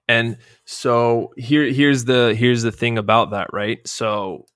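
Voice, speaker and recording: A man in a casual podcast conversation lays out his point step by step at a middling pitch. The sound is dry and close to the mic. He keeps tagging his sentences with "right?" to check that his listener follows. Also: level tone, slow, a bit bright, clean tone, no room sound. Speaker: podcast host. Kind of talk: casual discussion.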